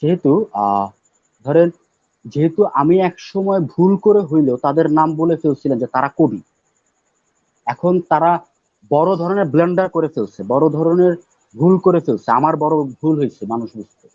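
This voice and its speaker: A man speaking as a guest poet on a live talk show, loud and emphatic, repeating words for stress. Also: a little high, animated, normal speed, dry recording. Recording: dull, dry lo-fi audio.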